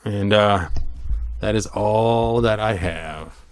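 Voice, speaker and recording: A middle-aged man hosts a toy and storybook channel, giving a casual, rambling read-along commentary. He's playful and self-amused, throwing in sung sound effects. His voice is lowish and slow-paced, recorded dry.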